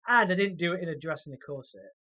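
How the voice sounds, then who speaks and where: A man's voice: on the high side, lively intonation, moderate pace, sharp tone. A tired man co-hosting a casual podcast, yawning and joking after a long day. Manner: joking, laughs often. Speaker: podcast co-host. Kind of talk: casual chat.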